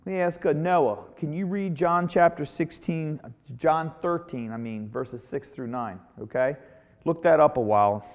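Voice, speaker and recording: A man with a fairly high voice leads a Bible study in a loose, storytelling sermon style. He retells a story with lively energy and keeps doubling back on his words. His voice carries a long reverb, as in a large hall. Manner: animated retelling with frequent repeats.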